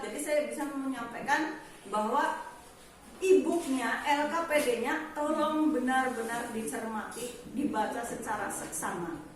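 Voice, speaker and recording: Woman teacher, high voice, lively lesson delivery, drawn-out stressed words, very echoey room, mic held back from her. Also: far from the mic. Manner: animated, stresses key words slowly. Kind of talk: online class lesson.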